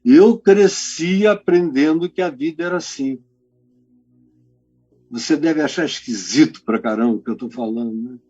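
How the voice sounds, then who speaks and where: An older man from the Amazon region of Brazil delivers a devotional talk, his voice pitched a little high. He talks in a loose, animated way, speaking into a phone mic. The sound is dull and lo-fi, with faint music underneath. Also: moderate pace. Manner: conversational, animated, drops to a whisper to make a point. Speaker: preacher. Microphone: phone microphone.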